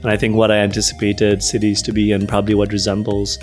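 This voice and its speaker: A young man from Nepal with a lowish voice answers interview questions in a thoughtful, hedging way. He leans on fillers as he works through his points, and faint music plays under the recording. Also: monotone, fast. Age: young adult. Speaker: interview guest, researcher.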